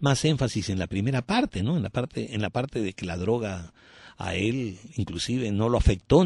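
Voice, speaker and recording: A man's voice: lowish voice, a little mellow, no room sound, studio quality. A man talking through a story in casual spoken commentary, rambling and digressive, often tagging his sentences with a questioning "no?". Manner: rambling, digressive, many "¿no?" tags.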